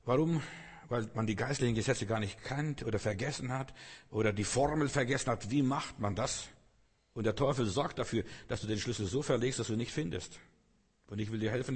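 Brief: man pastor, husky, earnest and direct sermon delivery, long hall echo. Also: mid-range voice, a little mellow. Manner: earnest, repetitive, addresses listeners directly.

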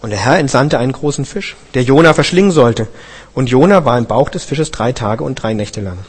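A man reading a Bible passage aloud in a steady, measured way, now and then correcting himself. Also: medium pitch, breathy edge, in a large hall. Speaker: scripture reader.

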